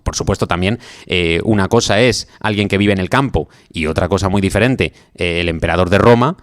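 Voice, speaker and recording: A man with a Spanish accent, a guest historian talking through a story in a relaxed interview, with many fillers. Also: sits low, fairly quick, dry recording, studio quality. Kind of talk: conversational interview.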